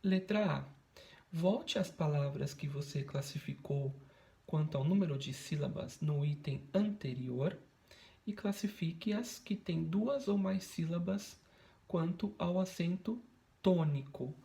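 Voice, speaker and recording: A man's voice: a little high, unhurried, creaky, mellow. A Brazilian male teacher in a recorded video lesson, speaking patiently and checking in with frequent tag questions. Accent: Brazilian Portuguese.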